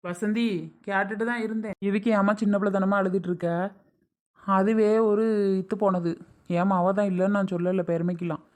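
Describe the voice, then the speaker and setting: A woman's voice: mid-range voice, fairly even intonation, brisk, a little mellow, lightly acted. A woman playing a stern uncle in a family drama skit, lecturing firmly and dismissively.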